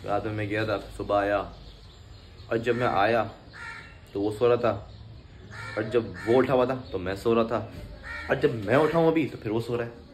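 A man's voice: mid-range voice, normal speed, pauses often. A young man casually narrating his day to camera, chatty and informal, talking to viewers like friends. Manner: chatty, keeps addressing viewers as brother. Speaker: vlogger. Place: at home, indoors. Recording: noisy home recording.

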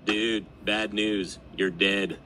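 A laid-back cartoon afterlife official delivers bad news flatly and casually, calling everyone dude. His voice sits low but sounds bright. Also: slow, slight background noise. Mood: blunt. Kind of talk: cartoon voice acting.

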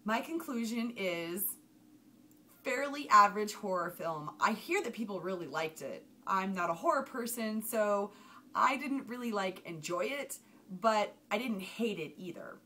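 Sitting at her desk with a webcam in a small, shelved home room, a young adult vlogger gives a casual movie review. Her medium-pitched voice keeps a measured pace even as she chats, gestures with her hands, and bursts out emphatically.

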